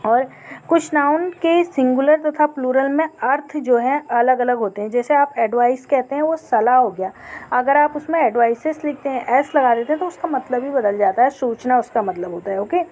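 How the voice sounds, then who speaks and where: A woman teacher explaining grammar in a recorded lesson, often checking in with "okay" and reading example sentences slowly. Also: high voice, a little mellow. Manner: checks in with frequent "okay" and "theek hai".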